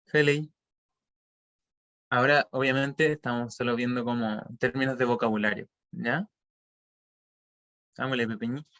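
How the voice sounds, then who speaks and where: A man's voice: medium pitch, fairly even intonation, measured pace, pauses often, fairly bright tone, dull audio. A man teaching an online language class, explaining patiently and checking often that students follow.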